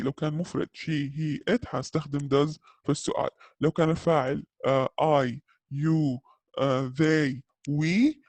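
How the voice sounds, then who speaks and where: A man teaching an English grammar lesson, saying the English examples slowly and carefully and often checking in with his listeners. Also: on the high side, a little mellow, no room sound. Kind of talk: grammar lesson explained in Arabic.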